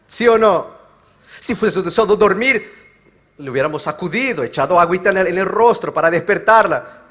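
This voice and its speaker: A male pastor preaching a sermon, moving between loud emphatic passages and quiet, slow explanation. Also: high-pitched, animated. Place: church service.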